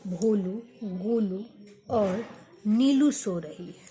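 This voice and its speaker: A woman teaching a grammar lesson, slowly repeating example sentences for her students. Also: medium pitch, dark tone, a little hiss or hum.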